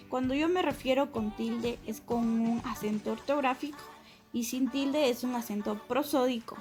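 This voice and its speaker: Woman teacher, high voice, slow and patient, faint music under. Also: darkish tone. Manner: patient, explains step by step and repeats words slowly. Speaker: primary school teacher. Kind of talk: recorded class lesson.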